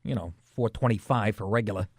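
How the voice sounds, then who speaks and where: A man's voice: on the low side, a little fast, breathy edge, no echo, clean studio sound. A man co-hosting a radio talk show, telling a comic anecdote casually and acting out the quotes. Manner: animated anecdotes with acted-out quotes and laughs. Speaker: radio show co-host and comedian.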